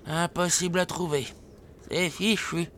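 A man voicing a hungry old male owl who has lost his glasses, speaking slowly and plaintively in a storybook. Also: on the high side, fairly even intonation, a bit bright, slight background noise. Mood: despairing. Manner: slow, plaintive, groaning. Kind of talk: storybook character acting.

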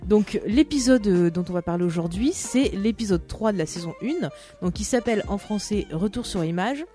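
A woman's voice: medium pitch, animated, moderate pace, dark tone, faint music behind. Chatty woman hosting a show. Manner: chatty, teasing, laughs often. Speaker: podcast host. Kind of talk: casual chat about TV series.

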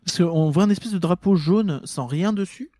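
Dry-sounding, fairly high-voiced man. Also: moderate pace, dark tone, dry recording. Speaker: podcast panelist. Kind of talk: casual chat.

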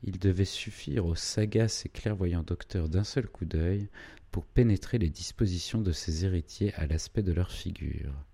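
A man reads a classic novel aloud in a measured, steady way. His voice is low-set and mellow, warm and unhurried. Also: creaky, husky. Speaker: audiobook narrator. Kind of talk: scripted narration of a classic novel.

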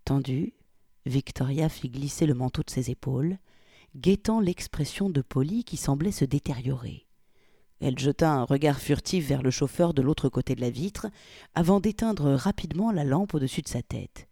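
A woman narrating a novel aloud in a measured storytelling manner. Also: rumbling low, mellow, breathy edge, dry recording, clean studio sound. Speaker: audiobook reader. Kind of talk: scripted narration.

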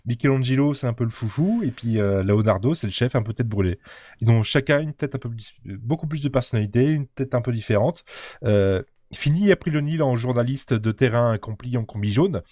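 A man co-hosting a podcast review, still a bit sick with a slight cough, steady run-on delivery. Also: mid-range voice, fairly quick, no room sound, clean studio sound. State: recovering from illness, slight cough. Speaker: podcast co-host. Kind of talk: casual review chat.

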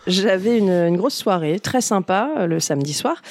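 A woman's voice: lowish voice, animated, normal speed, a little mellow, dry recording. A woman co-hosting a comedy podcast, telling a rambling anecdote in casual chat. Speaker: podcast co-host. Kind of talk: casual storytelling.

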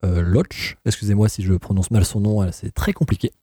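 Man, very dark mellow voice, husky, eager co-host explaining. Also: fairly low pitch, brisk, no echo, studio quality. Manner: eager explainer, many hesitations, comments on the story. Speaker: podcast co-host. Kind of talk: casual chat.

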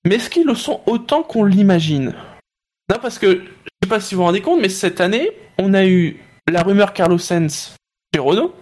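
A man's voice: high voice, very animated, moderate pace, darkish tone. A man arguing through hypotheses in a casual panel discussion. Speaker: motorsport talk show panellist.

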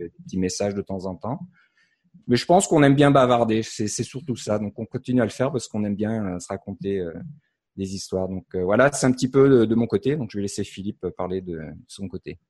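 French man, light Parisian accent, relaxed guest talk, mid voice. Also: mid-range voice. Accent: Parisian French, softened after years in Canada. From France. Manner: relaxed, explanatory, with frequent "euh" pauses. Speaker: podcast co-host, guest. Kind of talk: casual podcast chat.

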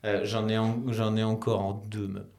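A man's voice: fairly low pitch, little pitch movement, normal speed, a little mellow. A man co-hosting a podcast, casually posing riddles in a playful, joking way. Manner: playful, joking, laughs often. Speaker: podcast co-host. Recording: roomy.

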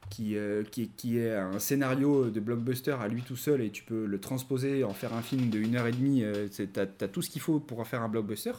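A man's voice: medium pitch, brisk, hardly any pauses, warm tone, a little hiss or hum. A man co-hosting a podcast, ranting animatedly in casual chat with frequent stammering restarts. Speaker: podcast co-host reviewing comics.

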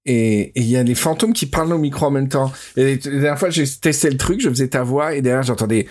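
A man hosts a relaxed podcast chat, talking in an easygoing, excitable way and laughing often. His pitch sits in the middle range. He comes across as playful with his co-host. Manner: chatty, quick to laugh, excitable. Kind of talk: casual chat.

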